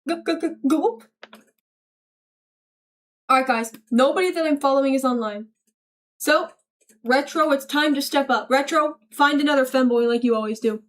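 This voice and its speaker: A woman's voice: high voice, brisk, fairly bright tone. A young woman streaming, reading chat aloud and joking back in a playful, mock-serious way. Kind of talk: casual livestream chat.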